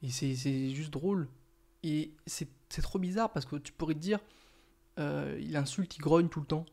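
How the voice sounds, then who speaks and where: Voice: mid-range voice, normal speed, gravelly, darkish tone. A young adult video reviewer talking in a casual, playful, slangy way.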